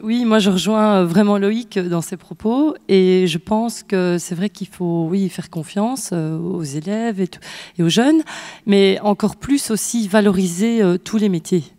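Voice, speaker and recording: A woman speaks on a panel in a mellow, dark tone. She hesitates often and fills her pauses. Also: medium pitch. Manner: agreeable, hesitant, many fillers. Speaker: panel guest.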